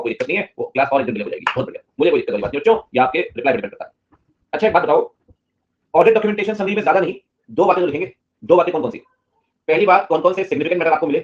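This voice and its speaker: A man's voice: on the high side, highs cut off. A man teaching a live online class, joking and teasing his students between points.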